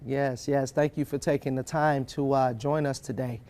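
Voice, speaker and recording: A man's voice: medium pitch, steady tone, moderate pace, dark tone. A man hosting an interview, affirming his guest and often repeating phrases. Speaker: host.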